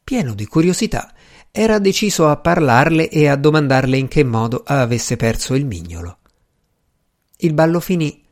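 A man narrating a novel in a steady, even reading voice. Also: on the high side, normal speed. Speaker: audiobook narrator. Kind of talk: scripted narration.

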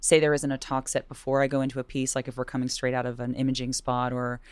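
A woman with a husky voice and some vocal fry, chatting casually in an interview about her work. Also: monotone, quick pace, dry recording. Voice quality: low-pitched vocal fry. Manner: chatty, conversational. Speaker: radio host and classical singer, being interviewed. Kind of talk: casual chat.

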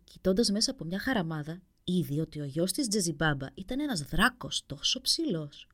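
Woman storyteller, lively pitch, expressive fairy-tale reading. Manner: expressive, animated.

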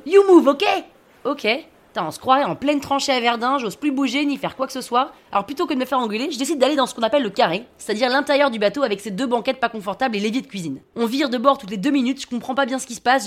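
A woman's voice: on the high side, very fast, hardly any pauses. A woman narrating a scripted comic podcast story about herself, wry and self-mocking.

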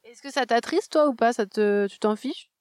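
A woman interviewing for a casual radio show, asking quick, informal questions. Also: on the high side, darkish tone, clear, resonant tone, no echo, clean studio sound.

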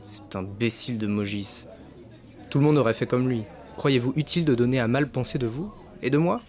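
An actor playing a worried, protective gentleman who speaks in a measured, gently reproachful way, in radio-play style. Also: mid-range voice, natural voice.

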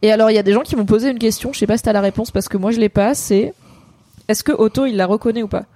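A woman chatting casually as co-host of a streamed episode debrief, hopping between points with lots of fillers. Her voice sits at an ordinary pitch and sounds close and dry, with no room echo. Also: warm tone. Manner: chatty, quick digressions, many fillers. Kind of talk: casual chat.

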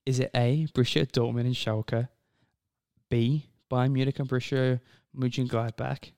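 A man with a gravelly edge to his voice, co-hosting a casual podcast. He reads quiz questions aloud in a playful, joking way and chats loosely with his co-host. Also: mid-range voice, little pitch movement, moderate pace, a little mellow. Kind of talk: casual chat.

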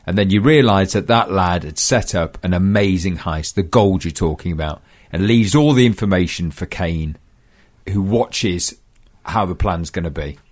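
A man's voice: deep voice, moderate pace. A man, co-hosting a casual film chat and often asking the others to agree. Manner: animated, chatty, asks for agreement.

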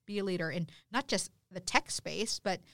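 Woman, DJ guest, casual podcast chat, animated, restarts her sentences, dry close mic. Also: lowish voice, dry recording. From California. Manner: animated, quick self-corrections. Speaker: guest DJ and events manager.

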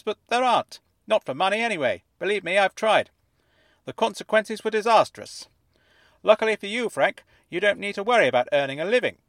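A man voicing an excitable middle-aged newspaper writer with a fuzzy, wobbly, slightly distorted voice and a gushing way of talking. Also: high voice, no room sound, pitched above the performer's own voice. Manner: effusive, gushing, rambles when excited.

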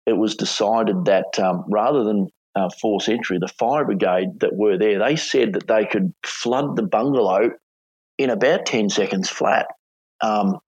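A middle-aged man with an Australian accent, telling a story conversationally as an interview guest, in a casual, hesitant way with halting phrasing. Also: fairly low pitch, slightly rough. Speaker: former police hostage negotiator, interview guest. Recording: dull, echoey room recording.

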